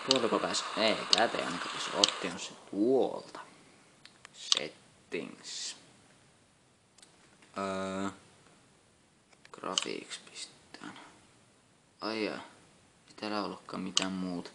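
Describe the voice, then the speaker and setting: A young man gives casual let's-play commentary, swearing freely and muttering in exasperation. His voice is low and gravelly, but it jumps around a lot in pitch. Loud noise sits behind the recording. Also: expressive, pauses often. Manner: frequent cursing, exasperated muttering. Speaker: gameplay commentator.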